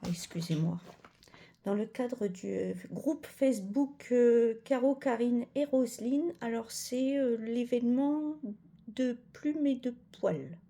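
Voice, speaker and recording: A woman's voice: on the high side, slow pace, gravelly, warm tone. A woman chatting casually as a cross-stitch vlogger, rambling with many fillers and self-corrections. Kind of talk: casual chat.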